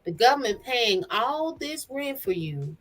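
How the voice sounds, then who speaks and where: A woman's voice: a little high, sing-song, unhurried, over music. A woman in casual conversation, laying out an opinionated argument step by step as a co-host. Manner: opinionated, explains her point step by step. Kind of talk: casual chat.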